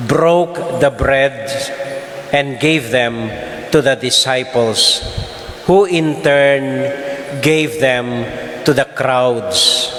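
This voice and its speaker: A man reading the Gospel solemnly as clergy at Mass, in measured phrases, with a cathedral echo. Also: medium pitch, a bit bright. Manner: measured, deliberate, phrase-by-phrase delivery. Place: large reverberant church. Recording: cathedral echo, long reverb, hissy noise.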